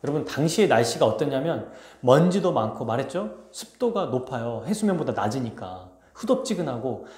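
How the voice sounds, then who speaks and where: A man, a pastor, giving an animated expository sermon and acting out the scenes he describes. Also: on the high side, echoey room. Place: church sanctuary.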